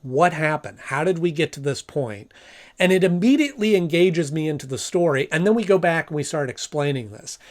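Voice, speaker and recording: A man with a slightly high voice talks through a review in an informal way. He recaps and comments like someone chatting casually. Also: expressive, brisk.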